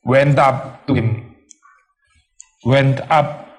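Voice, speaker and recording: A man preaches a sermon in a relaxed, conversational way, like a teacher talking through a passage. He asks his listeners questions, slips English phrases into his talk, and now and then acts out a complaining voice to make his point. His voice sits at an ordinary middle pitch for a man. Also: drawn-out words. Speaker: pastor.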